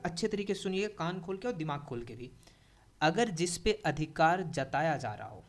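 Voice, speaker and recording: A young Indian-accented man teaching a grammar lesson. He is a native Hindi speaker who keeps restating each rule. He asks the class questions with lively energy. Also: a little high. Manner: repeats key points, asks the class questions, animated.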